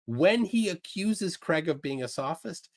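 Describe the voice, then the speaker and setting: A man giving conversational commentary on a debate in a played clip, measured in tone. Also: fairly high pitch, lively intonation.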